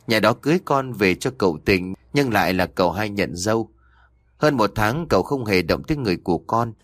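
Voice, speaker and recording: A gentle young wife, worried and plaintive, tells her parents of her strange marriage. The voice is low and dry, with lively pitch, as a man narrator reads her. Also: a little fast, dry recording. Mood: troubled.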